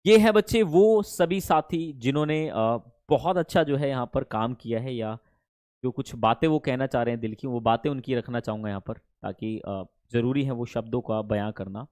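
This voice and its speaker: Speaking at a medium pitch and an ordinary speed, this Indian-accented man runs an online spoken English lesson, and the recording is dry. He coaxes his students in a lively way and keeps asking "ठीक है ना?" to make sure they're keeping up.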